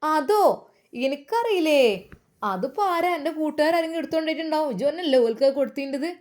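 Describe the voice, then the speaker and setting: A woman plays a sharp-tongued mother with a Malappuram accent, her voice pushed high and loud as she snaps back curt, dismissive retorts. She scolds her son with cold impatience in this spoken story. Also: fast, close to an everyday voice. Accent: Malappuram Malayalam.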